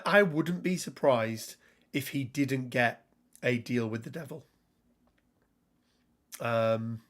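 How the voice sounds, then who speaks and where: A man hosting a casual tabletop game talk, rambling and laughing as he reads card text, his voice a little worn. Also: on the high side. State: slightly losing his voice. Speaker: podcast host.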